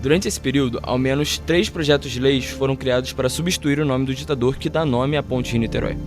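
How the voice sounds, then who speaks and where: A Brazilian man giving brisk, clear scripted narration for a podcast. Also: medium pitch, over music.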